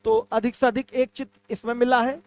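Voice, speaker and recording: A man's voice: extremely high pitch, a little fast. A male math teacher giving an online class, patiently repeating key terms and calling his students "my children".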